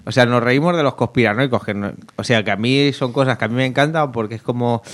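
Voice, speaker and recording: A man chats on a radio show in the studio. He tells stories at a middle pitch, laughs a lot and mimics voices. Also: quick pace. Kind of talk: casual radio chat.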